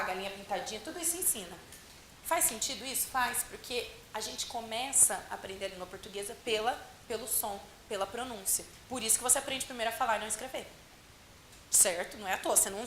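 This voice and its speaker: A woman's voice: fairly high pitch, bright, forceful tone. A woman Portuguese teacher giving a classroom lecture, often asking the class questions and answering them herself. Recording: roomy classroom with faint hiss.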